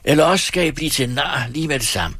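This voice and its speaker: A man voicing a small, bitter man from an old farming family in an audiobook, shouting and cursing at an auction. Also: a little high, expressive, no room sound, clean studio sound, voice pushed up. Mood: furious.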